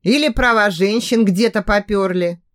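A woman's voice: medium pitch, normal speed, dry recording, studio quality, lightly acted. A woman voicing a cocky young man who teases lazily and gives orders. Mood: bossy serious. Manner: lazy, commanding.

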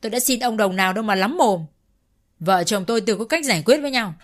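A woman's voice: medium pitch, fast, close to an everyday voice. Woman playing a surly, defiant young man. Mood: defiant angry. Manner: defiant, shouting.

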